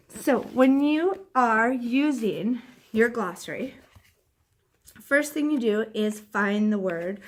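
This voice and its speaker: A woman's voice: mid-range voice, darkish tone. A woman teacher giving a patient classroom lesson, spelling out words letter by letter as she explains a step.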